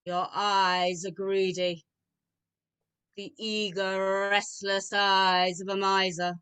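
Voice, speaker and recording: A woman playing a solemn, relentless ghostly spirit in a radio-style drama over a video call, deliberate, dramatic and commanding. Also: medium pitch, little pitch movement, fairly bright tone, clear, resonant tone. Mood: accusing. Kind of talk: rehearsed radio-script drama reading.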